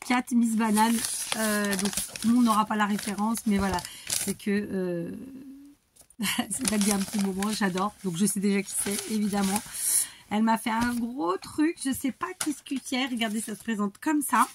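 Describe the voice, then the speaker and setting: A woman vlogging about scrapbooking, chatting casually and warmly as she opens her mail, often restarting words and laughing softly. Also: medium pitch, fairly even intonation, moderate pace, noisy background. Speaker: scrapbooking YouTuber. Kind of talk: casual chat while opening mail.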